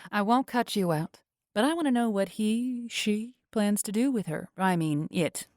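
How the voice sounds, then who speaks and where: A woman voicing a calm, evasive female agent bluffing her way through in an audiobook. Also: medium pitch, normal speed, dry recording, clean studio sound, lightly acted. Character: cool-headed woman agent bluffing undercover.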